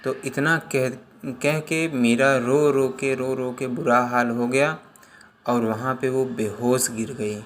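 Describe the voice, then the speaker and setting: Slow-spoken man telling a devotional story. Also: medium pitch, steady tone, a little hiss or hum. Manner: repetitive, links lines with "he said".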